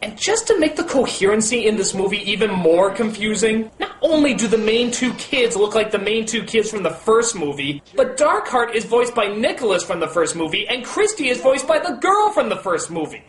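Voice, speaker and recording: Sarcastic male film reviewer, wildly expressive pitch, echoey room, music underneath. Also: moderate pace, hardly any pauses. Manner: sarcastic, exasperated outbursts. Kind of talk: comedic review commentary.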